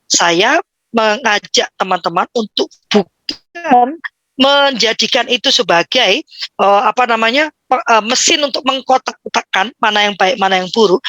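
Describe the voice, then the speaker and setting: A woman's voice: on the high side, normal speed, dry recording. Dry-voiced woman speaking on parenting. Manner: lively, acts out child and parent voices. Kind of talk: informal talk on parenting.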